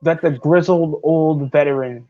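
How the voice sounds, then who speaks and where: A man's voice: a little high, fairly even intonation, a little slow, mellow. Ranting blunt man, muffled audio. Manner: blunt, ranting, swears freely. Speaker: wrestling watch-along panelist. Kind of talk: casual chat.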